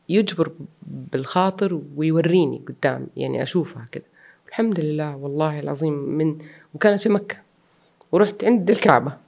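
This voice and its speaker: Fast-talking woman guest. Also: low-pitched, creaky, mellow. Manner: earnest, reflective, mixes in English words. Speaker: interview guest. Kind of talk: personal interview.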